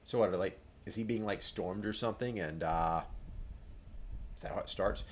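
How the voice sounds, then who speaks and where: A man's voice: low-pitched, normal speed, a little hiss or hum. A man hosting a let's play, giving rambling, chatty gameplay commentary with lots of filler words.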